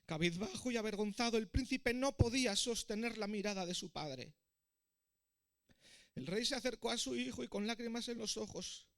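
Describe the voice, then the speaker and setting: Predicador con acento de España, narración expresiva de sermón, voz algo aguda. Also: male voice, high voice. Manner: dramatic, expressive storytelling. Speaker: preacher. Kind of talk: narrated sermon story.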